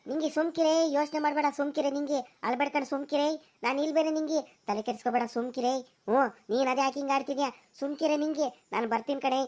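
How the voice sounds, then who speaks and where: A woman's voice: on the high side, close to an everyday voice. A woman voicing a sly young village man in a cartoon, talking in a coaxing, soothing way. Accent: Karnataka rural Kannada. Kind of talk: cartoon voice acting.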